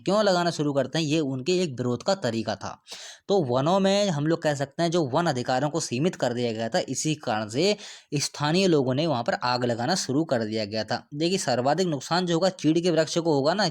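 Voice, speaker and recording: A man teaching an exam-prep lesson, explaining step by step, asking questions and answering them himself, and repeating key dates for his students. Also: mid-range voice.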